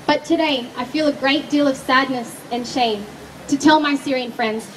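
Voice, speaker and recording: A woman's voice: sits high, moderate pace. A woman from Australia delivering an earnest, declamatory prepared speech at an outdoor street rally. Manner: earnest, declamatory, rising to shouts. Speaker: rally speaker. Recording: distant mic, faint noise at an outdoor rally. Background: crowd and street ambience.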